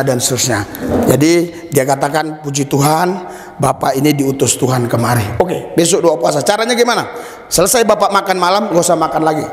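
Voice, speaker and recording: A man preaching a sermon as a pastor, telling a story with acted-out dialogue and bursts of shouted praise. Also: fairly high pitch. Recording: echoey hall with long reverb.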